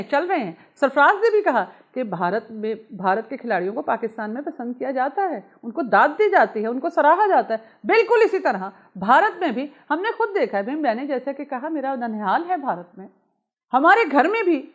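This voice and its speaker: A woman hosting a cricket commentary monologue, speaking emphatically with sudden swings in loudness. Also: high-pitched. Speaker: channel host.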